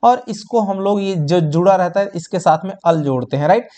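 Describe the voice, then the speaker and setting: A man's voice: sits high, lively intonation, a little fast, warm tone. A man teaching a tenth-grade science exam lesson, calling his students children and answering his own questions as he works through each step. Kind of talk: exam-prep board lesson.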